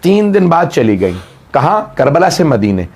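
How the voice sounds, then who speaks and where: A man's voice: fairly high pitch, sing-song, moderate pace, crowd noise. A man preaching, narrating a mourning story with passion and often calling his listeners brother. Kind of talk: emotional sermon narration.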